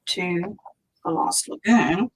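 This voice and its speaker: A woman's voice: mid-range voice, animated, takes it slowly, breathy edge, low-quality recording. A woman hosting a live craft tutorial, chatting and thinking aloud as she stamps, now and then dropping to a near whisper while her hands are busy. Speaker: stamping demonstrator.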